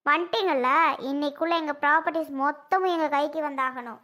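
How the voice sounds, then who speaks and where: A woman's voice: high-pitched, brisk. A woman playing a harsh middle-aged mother who scolds her family and demands the family property, in a family drama skit. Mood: demanding. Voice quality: scolding, sharp-tongued.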